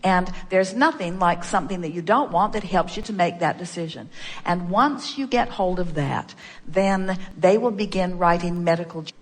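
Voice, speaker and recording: A woman's voice: mid-range voice, long reverb tail. A woman giving an emphatic spiritual seminar talk, repeating phrases for emphasis and speaking as "we". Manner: emphatic, repetitive, speaks for a collective "we". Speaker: spiritual teacher.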